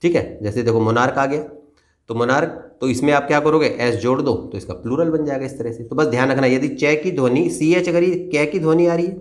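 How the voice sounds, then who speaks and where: A man's voice: medium pitch, fairly quick. Patient man teaching grammar to children. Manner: patient, repetitive, checks understanding often. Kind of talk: explaining a grammar lesson to children.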